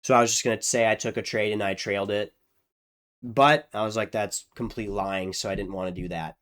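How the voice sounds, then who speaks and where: A man's voice: lowish voice, brisk, fairly bright tone. A young man hosting his own video, talking casually through a chart on screen, joking at his own mistakes and restarting his sentences as he thinks aloud. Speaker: trading video host. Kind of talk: screen-share chart walkthrough.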